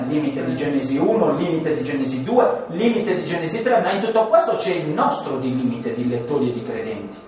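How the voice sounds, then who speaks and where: A man teaching a class on Genesis, animated and full of rhetorical questions, sometimes acting out voices. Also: fairly high pitch, a little hiss or hum. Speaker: Bible teacher. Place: large room with listeners. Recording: echoey hall, distant mic.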